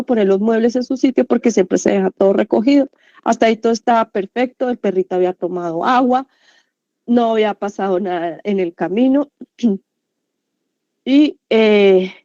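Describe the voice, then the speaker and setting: A woman tells her prayer group a personal testimony in a mellow, warm voice, pausing and restarting as she goes. The sound is close and dry. The recording is dull and lo-fi. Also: mid-range voice, no echo. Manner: earnest storytelling with many fillers and restarts.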